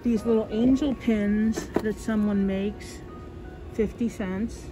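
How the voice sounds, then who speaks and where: Over music, a woman with a mid-range, fairly even voice talks slowly as she films a casual store tour, her words muffled by a face mask. Chatty and apologetic, she walks a large store with her phone, which picks up noisy surroundings.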